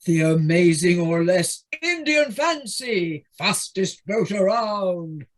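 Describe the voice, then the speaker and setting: A woman playing an excitable, spoilt gentleman toad in an amateur audio play, gushing and whooping in a husky voice. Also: on the low side. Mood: boastful glee. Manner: gushing, whooping, drawn-out exclamations.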